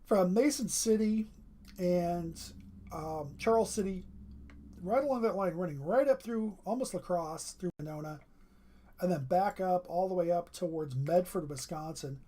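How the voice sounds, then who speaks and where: Walking viewers through live radar maps, a weather livestreamer speaks steadily at a middle pitch and a slightly slow pace, with a warm tone. His voice sounds strained, and he keeps stopping to clear his throat.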